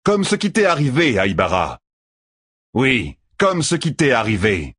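A man voicing an arrogant, ruthless male killer who shouts and taunts in an audiobook. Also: a little high, wildly swooping pitch, moderate pace, husky, voice pushed up, exaggerated voice. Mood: taunting. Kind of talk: audiobook character voice.

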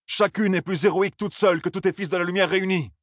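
Guy doing a hoarse bitter knight in a storybook, pitched up high, full of scorn. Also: fairly even intonation, fast, no room sound, clean studio sound. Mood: scornful. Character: bitter vengeful male knight officer, accusing.

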